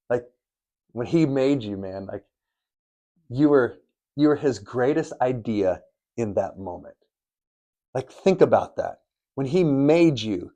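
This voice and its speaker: A man's voice: mid-range voice, warm tone. Earnest preachy man telling stories. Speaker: podcast co-host. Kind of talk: faith-based podcast chat. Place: studio in Arizona.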